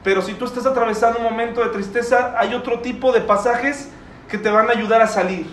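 A middle-aged pastor with a strikingly high voice delivers a conversational sermon, peppering it with rhetorical questions to his congregation. He sounds like he's speaking in a church hall, and the sound bounces around the room over a faint background hiss. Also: fairly even intonation, brisk, fairly bright tone. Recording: echoey room with faint noise.

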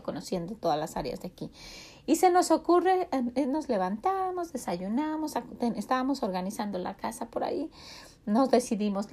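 A middle-aged woman with a Mexican Spanish accent delivers a devotional sermon in a warm, mellow voice. She speaks earnestly to the listener, pressing them with direct rhetorical questions. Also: a little high.

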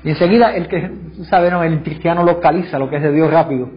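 A man's voice: on the high side, quick pace. A man preaching a sermon to a congregation in church, fervent and full of rhetorical questions. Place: church service before a congregation. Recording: dull lo-fi sound, faint music behind.

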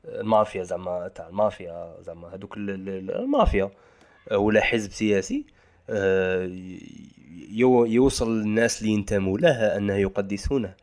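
A man's voice: on the low side, lively intonation, a little fast, darkish tone. A man co-hosting a casual podcast, pressing his point insistently and mixing in French and English words. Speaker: podcast co-host.

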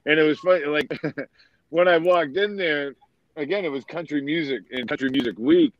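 A man from Massachusetts with a New England accent, telling loud stories as a podcast guest, swearing and laughing often. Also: on the high side, moderate pace, dull audio, slight background noise. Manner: profane, laughing storyteller. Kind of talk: casual chat.

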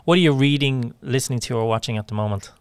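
A man hosts a casual interview and speaks at a quick pace. His voice sits in a middle pitch, and he keeps things moving with frequent encouragement. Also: clear, resonant tone. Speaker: podcast host.

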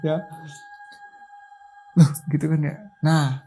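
A man's voice: a little high, little pitch movement, takes it slowly, warm tone, faint music behind. A man casually telling a true horror story, checking in often to see that his listener follows. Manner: chatty, keeps checking the listener follows with filler tags. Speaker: guest storyteller.

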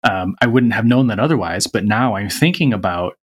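A man's voice: fairly low pitch, lively intonation, a little fast, husky. A man chatting earnestly as a guest on a podcast, reflecting on his life choices. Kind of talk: casual conversation.

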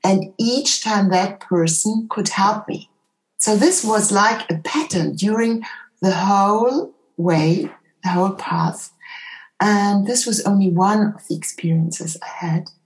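A woman who speaks English as a second language, telling a personal story reflectively in conversation as an interview guest, with hesitant pauses between short phrases. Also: mid-range voice, low-quality recording. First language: not English.

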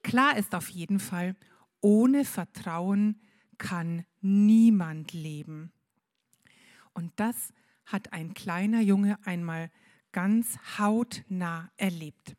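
A woman leads a church service for children. She tells a story slowly and expressively, addressing the kids directly. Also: mid-range voice, darkish tone.

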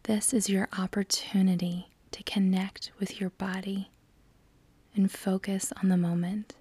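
Guiding a meditation, a woman speaks in a soft, breathy, near-whispered voice at medium pitch, calm and soothing, with long, measured pauses. There is no room sound.

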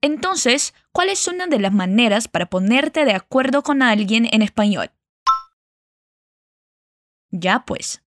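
A woman leads a language lesson, speaking slowly and carefully as she models each phrase. Her voice sits a little high. The sound is dry and close. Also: lively intonation, dry recording. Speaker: Spanish teacher.

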